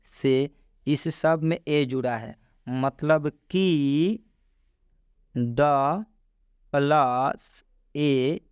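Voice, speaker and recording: A man teaching English pronunciation, spelling out sounds slowly and repeating key words. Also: medium pitch, darkish tone, clean tone, no echo, clean studio sound. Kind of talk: slow explanatory lesson.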